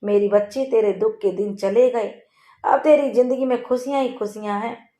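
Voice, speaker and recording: A woman voicing a loving old grandmother in a folk tale, speaking gently and soothingly, in an echoey room. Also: a little high, normal speed, lightly acted. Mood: tender.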